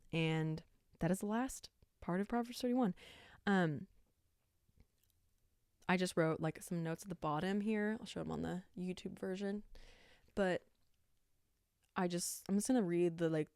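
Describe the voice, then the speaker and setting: A woman hosting a casual Bible study talk, talking fast and chatty with lots of "like", earnest and upbeat. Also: fairly low pitch, darkish tone, no room sound, clean studio sound. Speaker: podcast host.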